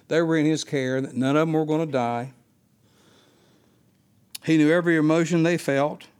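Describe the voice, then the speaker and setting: Male Bible study teacher, fairly high voice, unscripted sermon delivery with rhetorical questions. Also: darkish tone, smooth.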